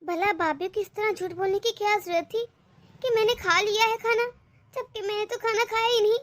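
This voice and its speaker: A woman voicing a meek, self-blaming young widow in an animated family story, speaking softly and sorrowfully. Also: very high voice, fairly quick. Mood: sad. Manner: soft, sorrowful, tearful. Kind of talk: animated cartoon voice acting.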